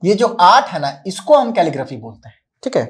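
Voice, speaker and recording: A man's voice: sits high, very animated. Patient male teacher checking understanding. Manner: explains patiently, keeps checking that students follow; repeats key words slowly for emphasis. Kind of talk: recorded classroom-style lecture.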